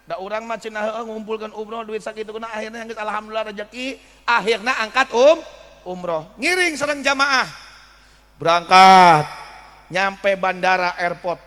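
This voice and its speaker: A man preaching a sermon in an animated way, often throwing questions to the audience. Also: high voice, fairly quick. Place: religious school gathering hall. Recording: echoey hall.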